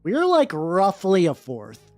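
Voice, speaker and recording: A woman streamer and vtuber host chats casually and reads fanfiction aloud, dropping sweary, slangy, wry asides over background music. Her voice sits on the low side with a dark tone and a slow pace, and its pitch swoops wildly.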